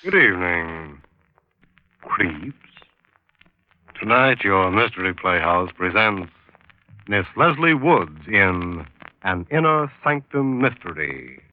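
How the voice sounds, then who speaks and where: Ominous vintage horror narrator: deep, theatrical mystery announcer on a tinny old radio recording. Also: male voice, sing-song, slow pace, pauses often, exaggerated voice. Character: spooky male mystery playhouse announcer.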